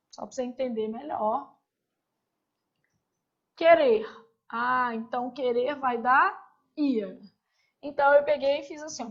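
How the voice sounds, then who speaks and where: A woman leads a classroom grammar lesson in a high voice. She stretches out each conjugated form and keeps checking in with the class through quick questions. The recording is dull and lo-fi. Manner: spells out verb forms slowly, asks the class rhetorical questions. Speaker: Portuguese grammar teacher.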